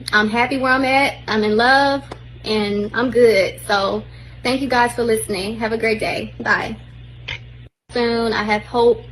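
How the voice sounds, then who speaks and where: Twenties woman, measured and insistent, kinda high pitched. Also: fairly bright tone, a little hiss or hum, low-quality recording. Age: 20s. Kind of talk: self-recorded video statement.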